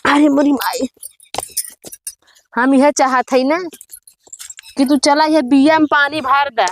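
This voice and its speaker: A woman's voice: high-pitched, steady tone, takes it slowly, a little hiss or hum. A woman playing an exasperated village farm wife in a comedy sketch, grumbling plaintively in an Awadhi accent. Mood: pleading, fed up. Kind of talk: rural comedy sketch acting.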